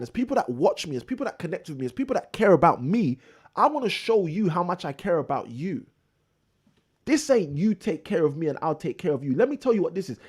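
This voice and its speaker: A man's voice: on the high side, a little mellow, breathy edge. A man hosting a live property investing show, delivering a preachy motivational monologue that repeats phrases for emphasis.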